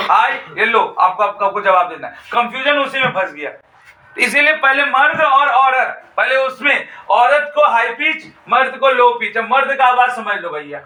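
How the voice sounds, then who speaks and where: Male teacher lecturing in a classroom, really high bright voice, echoey room, repeats stuff and quizzes the kids. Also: distant mic. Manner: dictates slowly, repeats phrases, asks students questions. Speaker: physics teacher.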